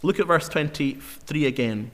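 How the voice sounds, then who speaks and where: Earnest male preacher in a reverberant hall. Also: a little high. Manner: earnest, emphatic, with slow dramatic repetitions. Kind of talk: sermon.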